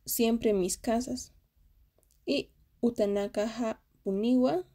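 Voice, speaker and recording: A woman presents a lesson in a careful, explanatory way, often stopping on small hesitations before going on. Her voice sits a little high but has a dark, mellow colour. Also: breathy edge. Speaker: student giving a class presentation.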